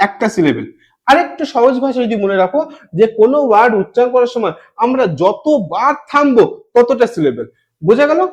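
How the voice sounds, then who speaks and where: A young man teaching an exam-prep grammar lesson, repeating each rule and spelling words out letter by letter. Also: extremely high pitch. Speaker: English teacher.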